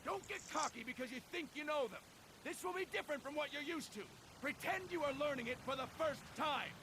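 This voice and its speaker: An actor playing a stern, bossy military drill sergeant who barks training instructions in a video game tutorial. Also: male voice, very high voice, a little fast, background noise. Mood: brisk, commanding. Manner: drill sergeant style, barking commands, stern.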